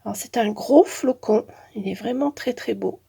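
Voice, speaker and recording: A woman hosts a casual craft showcase in a fairly high voice. It is husky and nasal, stuffed up by a head cold. She narrates informally, piece by piece. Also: moderate pace, dark tone. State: has a head cold with blocked nose. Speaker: craft channel host.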